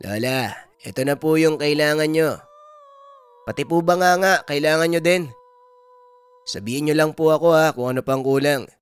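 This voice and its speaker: A man voicing an eager, helpful young village man who speaks loud and hurried. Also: fairly high pitch, clean tone, pitched above the performer's own voice, lightly acted.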